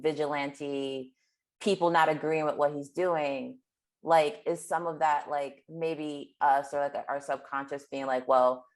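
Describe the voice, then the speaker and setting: Low-voiced woman thinking aloud. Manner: thoughtful, tentative, thinking aloud. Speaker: podcast guest. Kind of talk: casual chat.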